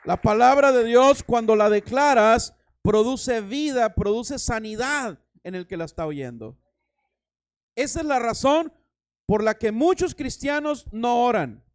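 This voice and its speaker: High-voiced preacher, animated. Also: male voice, a little slow. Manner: dramatic preaching, acts out voices and anecdotes. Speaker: pastor. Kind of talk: sermon.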